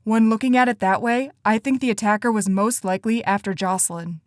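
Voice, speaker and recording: A woman voicing an earnest, anxious teenage boy who talks eagerly in rushes, in an audiobook. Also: medium pitch, fairly even intonation, dry recording, studio quality, close to an everyday voice.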